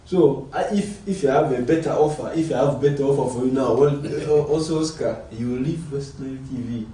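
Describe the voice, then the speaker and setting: A man's voice: mid-range voice, brisk, warm tone, distant mic. A man giving his view as a studio guest, arguing his point with emphasis. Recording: very echoey room, off-mic.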